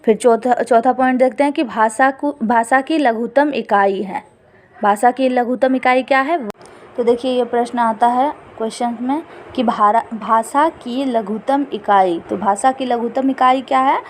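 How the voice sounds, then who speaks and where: A woman teaching an exam-prep lesson, repeating each definition slowly. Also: a little high, slight background noise.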